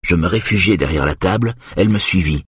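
A man narrating a tense first-person story in a measured way. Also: low voice, slightly rough, dry recording, clean studio sound.

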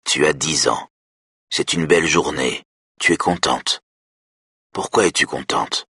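A self-assured hypnotist speaks quietly and soothingly, sinking even lower than the reader's deep voice, as a man puts him on. The tone is husky and calm. The recording is dry and close. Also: measured pace, no echo, full character voice. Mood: gentle. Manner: soft, low, soothing.

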